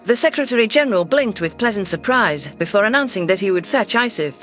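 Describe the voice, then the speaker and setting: A man reads a science-fiction audiobook from a script, his fairly high voice steady and measured. Faint music plays beneath the narration.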